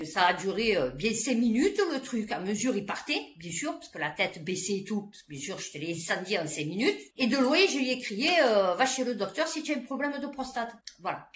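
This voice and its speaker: A woman vlogger talking straight to camera in a lively, slangy rant, her voice a touch high. She tells her stories loudly and throws in laughs. The room around her rings with a noticeable echo. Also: fairly quick, hardly any pauses, slight background noise. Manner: animated, slangy, loud storytelling with laughs. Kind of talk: casual ranting monologue. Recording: roomy echo.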